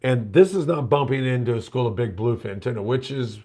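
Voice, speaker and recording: Speaking animated and fairly quick, this middle-aged American host has a mid-range, dark, slightly rough voice. He chats casually on his live show, spinning stories and reading out questions sent in by viewers.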